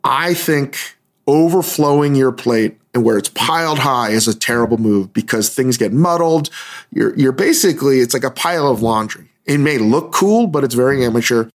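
Male podcast host, hungover, gravelly fry in a mid-pitched voice, rambling casually and musing as he goes. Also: moderate pace.

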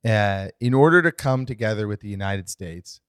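A man co-hosting a casual podcast chat, explaining current events in an animated, swinging way. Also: lowish voice, moderate pace, smooth, no echo, clean studio sound. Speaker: podcast co-host.

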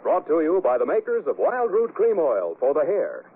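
A male radio announcer in a 1940s broadcast, giving formal, emphatic introductions and sponsor pitches with old radio broadcast sound. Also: huge pitch swings, normal speed, heavy background noise. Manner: formal, emphatic sales delivery. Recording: tinny 1940s radio broadcast with faint music.

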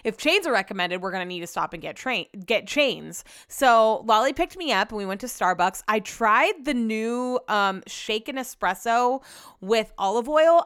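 Young american woman doing a chatty podcast, lispy slushy s, slangy, clear voice, dry sound no echo. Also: mid-range voice, fairly bright tone. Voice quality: lisp, slushy s sounds from dental trays. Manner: chatty, slangy, animatedly quotes herself and others. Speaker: podcast host. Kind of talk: casual solo chat, recounting stories.

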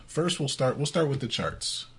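A man's voice: mid-range voice, big pitch swings, moderate pace, fairly bright tone, husky. A man co-hosting a casual music podcast, chatty and laughing often between points. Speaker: podcast co-host.

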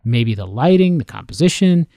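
A man co-hosting a podcast in casual chat, relaxed, his phrases often trailing off low. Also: normal speed, dry recording, clean studio sound. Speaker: podcast co-host.

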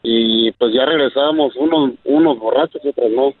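A male caller with a medium-pitched voice tells a casual story on a radio show. The phone line is narrow and dry. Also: normal speed, no room sound. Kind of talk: casual anecdote on a call-in show.

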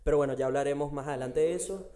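A man's voice: on the high side, racing, warm tone. A Latin American man, co-hosting a casual podcast and laying out its topics. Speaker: podcast co-host. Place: Australia.

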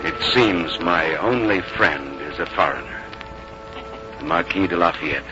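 Weary commanding general, very low voice, solemn measured oratory, 1950s radio drama, dull recording, music underneath. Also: male voice. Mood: weary, resigned. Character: weary, grave army general, George Washington.

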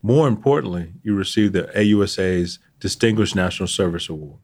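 An American man hosting a podcast interview in a courteous, measured way. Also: low-pitched, a little mellow, dry recording. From United States. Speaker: podcast host, military veteran.

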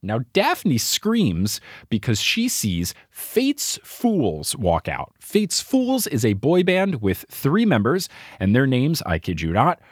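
A man's voice: medium pitch, huge pitch swings, slow pace, few pauses, husky, dry recording, clean studio sound. A man hosting a podcast, recapping a cartoon episode in a wry, chatty way. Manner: chatty, wry storyteller, keeps score. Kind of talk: casual chat.

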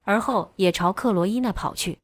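A woman reads a novel chapter aloud in a steady, even storytelling manner. Her voice sits at an ordinary middle pitch. The recording is dry and close, with no room around her. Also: a little fast, no echo. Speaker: narrator. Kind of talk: novel audiobook narration.

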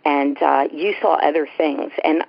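A woman's voice: low-pitched, fairly even intonation, unhurried, vocal fry, no room sound. A woman from Florida calling in to a radio show over the phone, eager and talkative. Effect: phone-line caller voice on radio. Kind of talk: chatty call-in conversation. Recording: dull phone-line sound.

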